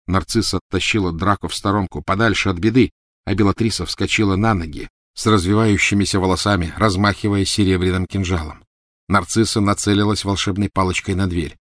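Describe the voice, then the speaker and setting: Low-voiced male audiobook narrator. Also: fairly even intonation, a little fast, a bit bright, no room sound, clean studio sound. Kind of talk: scripted narration.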